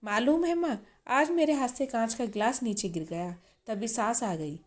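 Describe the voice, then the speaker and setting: Woman reading a young bride, earnest, emotional, storybook voice, rather high. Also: normal speed, close to an everyday voice. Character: young newlywed bride, tender and grateful.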